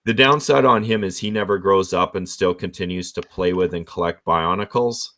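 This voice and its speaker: Guy with a low voice just rambling thru a story, chatty and frank. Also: normal speed, sharp tone. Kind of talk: casual chat, storytelling.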